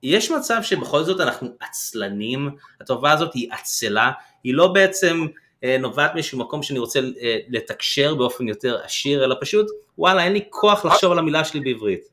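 A man making a conversational, opinionated argument in an informal way, pausing as he picks his words. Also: a little high, sing-song, a bit bright, slight background noise. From born outside Israel, immigrated. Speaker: panel speaker.

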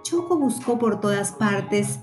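A woman narrating a children's story to young listeners, speaking gently and clearly. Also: mid-range voice, lively intonation, takes it slowly. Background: soft music.

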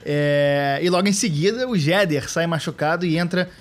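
Brazilian man, podcast host, football recap, sarcastic jokes, fairly high voice. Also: moderate pace. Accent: Brazilian Portuguese. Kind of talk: casual match recap chat.

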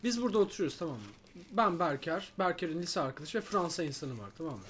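Genç bir adam, sık sık gülerek ve duyduklarını canlandırarak gündelik bir sohbette anılarını anlatıyor. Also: male voice, a little high, expressive, racing, fairly bright tone, a little hiss or hum. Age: young adult. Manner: rambling, laughs often, acts out quotes. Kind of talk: casual storytelling chat.

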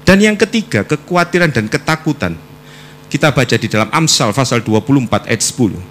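A preacher man delivers a sermon woven with personal testimony. His pitch swoops widely as he moves from loud calls to the congregation to quiet, prayerful murmurs. A faint hum sits under the recording. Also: brisk. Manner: animated, swings between loud exhortation and soft prayerful asides.

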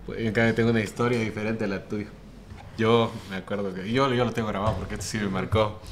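A man's voice: fairly low pitch, steady tone, quick pace, a little hiss or hum. A young man hosting a podcast, telling stories in a jokey, chatty way. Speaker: podcast host. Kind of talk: casual podcast chat.

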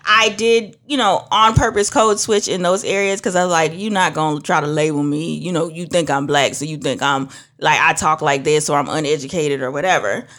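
With a low voice, she talks briskly and barely pauses. She's a young minister and beauty professional from Trinidad, telling lively stories in casual conversation and acting out the voices of others.

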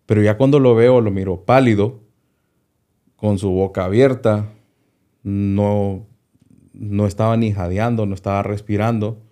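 A man's voice: on the low side, steady tone, measured pace, long pauses, dark tone. A man, a doctor, telling a personal story in an interview, hesitating and often repeating small words as he goes.

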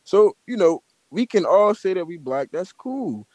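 A man's voice: high voice, big pitch swings, measured pace, a little mellow, no room sound. An American man in a heated casual debate, blunt and profane, pressing his point emphatically. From United States. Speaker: participant in an audio chat room.

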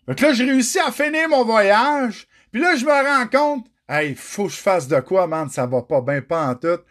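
His voice is high, a bit bright, and expressive, moving at a moderate pace. The middle-aged man, with a Quebec French accent, pours out his personal story to viewers in an emotional, raw monologue laced with frequent cursing.

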